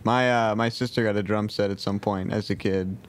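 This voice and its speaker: A young man with a lowish voice trades dry, deadpan jokes in a casual podcast chat. He sounds relaxed and understated, letting the humor land flat. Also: moderate pace.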